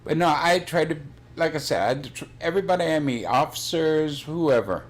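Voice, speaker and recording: A man's voice: fairly high pitch, moderate pace. An older man chatting casually on his own livestream, blunt and rambling, swearing freely. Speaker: livestream host. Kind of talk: casual chat.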